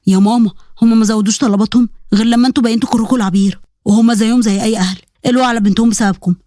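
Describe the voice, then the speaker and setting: A woman's voice: a little high, steady tone, rapid-fire, warm tone, dry recording, clean studio sound, close to an everyday voice. A woman voicing a young man in love and pleading, in an Egyptian accent, for a narrated story. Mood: distraught. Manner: pleading, emotional.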